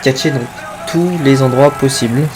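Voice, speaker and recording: A man's voice: mid-range voice, moderate pace, music in the background, poor audio. A man working as a wrestling commentator, calling the action play-by-play and exclaiming at big moves.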